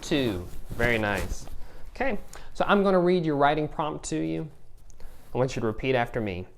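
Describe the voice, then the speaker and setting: A male kindergarten teacher giving a recorded lesson, speaking clearly, praising and pausing for the children's answers. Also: a little high, expressive, a little hiss or hum.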